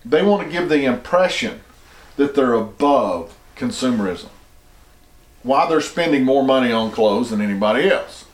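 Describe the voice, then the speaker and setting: A man's voice: medium pitch, lively intonation, normal speed, reverberant. A man from the United States giving an argumentative opinion monologue, emphatic and often restarting his words. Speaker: commentator.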